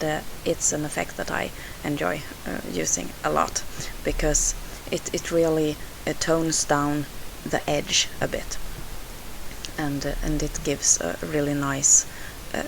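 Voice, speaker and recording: A Swedish woman with a Swedish accent narrates her scrapbooking process as the video's host, her deep voice sounding gravelly. The voice-over is hesitant, full of "uh" fillers and restarts. It's a hissy, low-quality home recording.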